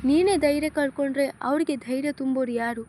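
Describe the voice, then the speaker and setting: A woman's voice: high voice, a little fast, mellow, slight background noise, natural voice. A woman voicing a caring young female friend who comforts and reassures. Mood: comforting.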